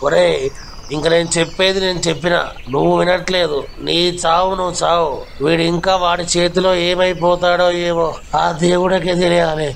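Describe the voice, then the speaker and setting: A man's voice: sits high, level tone, normal speed, gravelly, slight background noise. A man voicing a worried male zombie sidekick in a cartoon, scolding and pleading with his reckless friend. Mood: exasperated. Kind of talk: cartoon voice acting.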